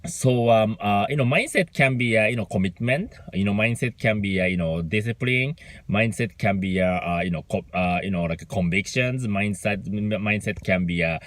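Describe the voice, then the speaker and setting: A Japanese man with a Japanese accent gives an unscripted motivational talk as a business mentor. His speech is halting, packed with fillers and frequent "right?" checks. His voice is fairly low and fairly bright in tone, with no echo.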